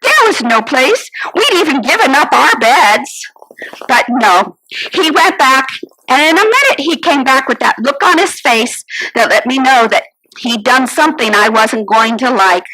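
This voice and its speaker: A woman's voice: high-pitched, expressive, unhurried, sharp tone, a little hiss or hum, full character voice, rough recording. A woman playing a fretful, business-minded innkeeper's wife, telling her story in a theatrical monologue. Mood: kvetching. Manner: kvetching, theatrical, sighing and exclaiming. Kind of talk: first-person character monologue.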